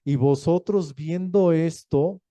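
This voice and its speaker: A male pastor, preaching a sermon in a lively, joking storytelling manner. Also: fairly high pitch, slow, no echo. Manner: lively storytelling, acting out quoted voices; jokey, laughs between points.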